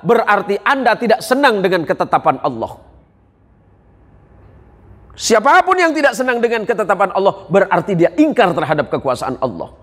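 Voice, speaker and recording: A man's voice: sits high, fairly bright tone. Joking male preacher in an echoey hall. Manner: joking, bantering with the audience. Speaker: Islamic preacher. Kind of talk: humorous religious lecture. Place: large hall at a police headquarters.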